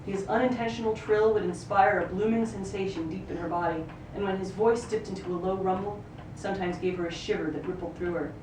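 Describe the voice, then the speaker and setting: Medium in pitch and a little fast with few pauses, a woman reads a novel excerpt at a live reading, narrating expressively in the third person and occasionally stumbling. She's an actor, recorded by a distant mic in a roomy venue full of noisy ambience.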